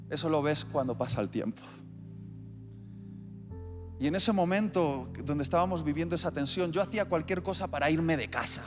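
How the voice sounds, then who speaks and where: Preacher in a reverberant hall. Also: male voice, on the high side. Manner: vivid storytelling with acted-out scenes. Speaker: pastor. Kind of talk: sermon. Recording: long hall reverb with soft music.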